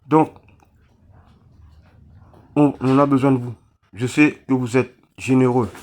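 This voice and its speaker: Man from Réunion, halting, pleading, many restarts, direct to viewers. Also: mid-range voice, fairly even intonation, darkish tone. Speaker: vlogger appealing for donations. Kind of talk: emotional appeal to camera.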